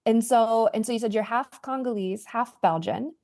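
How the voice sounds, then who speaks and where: A woman's voice: a little high, moderate pace, a little mellow. A woman co-hosting a podcast, chiming in with short agreeing remarks in casual conversation. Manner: agreeable, brief affirmations. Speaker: co-host.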